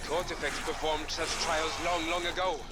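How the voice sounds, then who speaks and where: An actor voicing an urgent, commanding mentor who guides fighters through trials in a video game, speaking theatrically. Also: male voice, on the high side, little pitch movement, moderate pace, over loud music, lightly acted. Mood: urgent, guiding. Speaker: quest guide. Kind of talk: scripted game dialogue. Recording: loud game noise behind.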